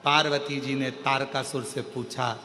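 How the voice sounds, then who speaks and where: Bright, slow, dramatic devotional storyteller. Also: male voice, mid-range voice, level tone. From Madhya Pradesh, India. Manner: dramatic and emotive, breaking into devotional song. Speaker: religious storyteller. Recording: reverberant hall with faint music.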